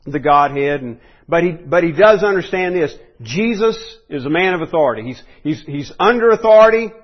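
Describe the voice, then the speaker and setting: A man's voice: fairly high pitch, lo-fi sound. A man preaching a sermon in an earnest way, often restarting and rising in force when he stresses a point.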